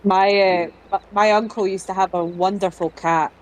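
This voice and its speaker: A woman's voice: medium pitch, steady tone, normal speed, a little mellow, low-quality recording. A woman chatting casually while gaming, telling stories with fillers and restarts. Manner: chatty storyteller, hesitant with fillers. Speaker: co-player on a farming sim stream. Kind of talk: casual chat.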